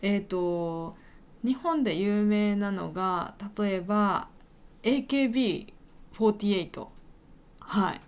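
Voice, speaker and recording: A woman who hosts a podcast for learners, telling an everyday story and stopping to slowly explain and repeat words for her listeners. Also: mid-range voice, lively intonation, clear, resonant tone. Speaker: Japanese teacher podcaster.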